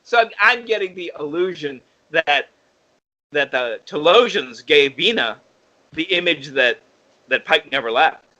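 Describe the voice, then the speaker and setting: A man's voice: fairly high pitch, lively intonation, a little slow, bright, forceful tone, rough recording. A man co-hosting a podcast, chatting casually in an analytical way and correcting himself as he goes. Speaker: podcast co-host. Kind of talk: casual chat.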